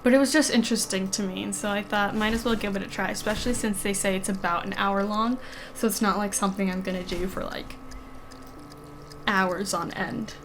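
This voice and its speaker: A woman's voice: medium pitch, steady tone, brisk, a bit bright, slight background noise. A woman chatting casually as she streams a video game, with a slight lisp from the dental aligners she is wearing. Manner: casual, rambling, reading game text aloud between remarks. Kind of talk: casual chat while playing a video game. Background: game music.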